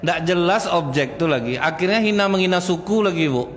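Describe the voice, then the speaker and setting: A man's voice: sits high, expressive, fairly quick, a bit bright. A man giving a pre-tarawih mosque sermon, telling stories in a folksy way and acting out quarrels in a raised voice. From Indonesia. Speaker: preacher. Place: mosque hall. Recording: echoey mosque hall with faint ambience.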